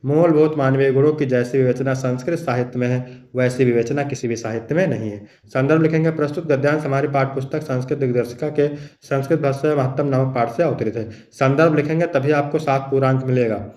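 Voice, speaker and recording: A man's voice: mid-range voice, fairly even intonation, quick pace, few pauses, darkish tone, roomy sound. A male teacher giving an exam-preparation lecture, reading verses aloud and then explaining them, and calling his students his dear children.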